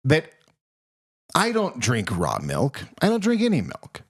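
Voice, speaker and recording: A man's voice: a little high, wildly swooping pitch, measured pace, slightly rough. A man co-hosting a podcast, arguing his point in casual chat and repeating himself as he riffs. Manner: argumentative, riffing, repeats himself. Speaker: podcast co-host.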